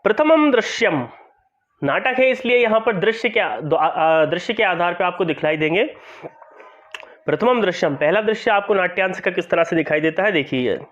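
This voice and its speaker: A male teacher with a high voice walks through a school lesson, explaining each line and repeating phrases to make them clear. The recording sounds dull and lo-fi. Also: animated, normal speed, fairly bright tone.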